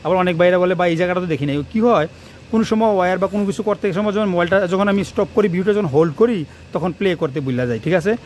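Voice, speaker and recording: Male electrician, fast and repetitive on a phone mic, faint noise behind. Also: high-pitched, a little mellow. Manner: fast, rambling, repeats himself while working. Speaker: electrician teaching wiring on his channel. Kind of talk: hands-on tutorial talk to camera. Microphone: phone camera propped nearby.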